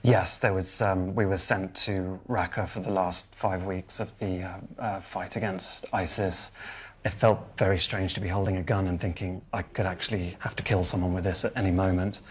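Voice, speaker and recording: Quiet, halting young man, low and flat. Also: slightly rough. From United Kingdom. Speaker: former volunteer fighter, interviewee. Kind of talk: documentary interview.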